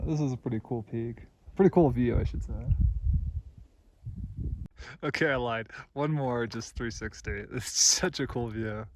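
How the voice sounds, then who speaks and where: A man's voice: mid-range voice, vocal fry, darkish tone. A man filming himself on a backpacking trip, chatting casually and thinking aloud with a self-deprecating chuckle, sometimes out of breath. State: out of breath at times. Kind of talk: casual trail vlog talking to camera. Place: outdoors on high mountain passes and boulder fields.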